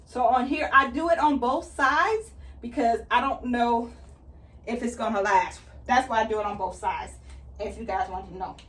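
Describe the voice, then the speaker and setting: A woman's voice: fairly high pitch, moderate pace, a bit bright. A woman chatting casually as she explains each step of her gardening work. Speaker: gardening vlogger. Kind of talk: casual how-to chat while working. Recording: slightly distant mic.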